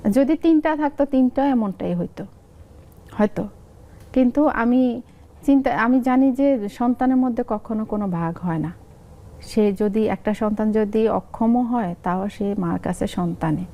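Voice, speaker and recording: A woman's voice: a little high, normal speed, highs cut off. A woman in her forties with a Noakhali Bengali accent, chatting casually as an interview guest and acting out family talk in dialect. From Noakhali region, Bangladesh. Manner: animated, acts out family dialogues in dialect. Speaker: content creator guest.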